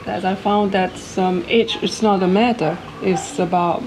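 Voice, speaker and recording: A woman's voice: medium pitch, fairly even intonation, measured pace, a little mellow. Chatty Malaysian-born woman in her thirties. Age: 30s. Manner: chatty, non-native phrasing, storytelling. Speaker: co-host. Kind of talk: casual chat. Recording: noisy background hiss.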